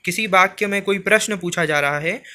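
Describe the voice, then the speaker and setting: A man teaching a grammar lesson for exam preparation, explaining slowly and repeating a filler phrase as he goes through examples. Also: high-pitched, bright, forceful tone.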